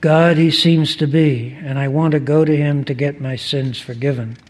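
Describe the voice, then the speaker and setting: A man's voice: a little high, steady tone, moderate pace, darkish tone, lightly acted. A man reading aloud the lines of a humble, drunken peasant thief who begs to be forgiven. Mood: pleading. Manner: begging, insistent.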